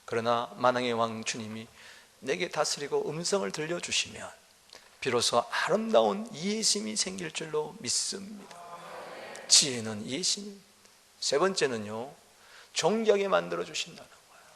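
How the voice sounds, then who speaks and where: A male pastor delivers a sermon in a church sanctuary that sounds like a large hall, animatedly telling stories and performing the quotes in character. He speaks at a moderate pace in a fairly high, creaky voice.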